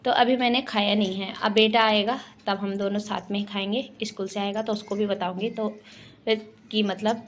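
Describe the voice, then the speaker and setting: Chatty, fast-talking Garhwali woman vlogger. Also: medium pitch, fairly even intonation, a little hiss or hum. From Garhwal, Uttarakhand. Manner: fast-talking, chatty, addresses viewers as guys. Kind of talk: casual home vlog.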